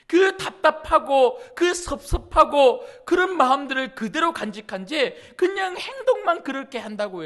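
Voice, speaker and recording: High-voiced, emphatic man preaching. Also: a bit bright. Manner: emphatic, repetitive preaching with rising outbursts. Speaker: senior pastor. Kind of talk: sermon.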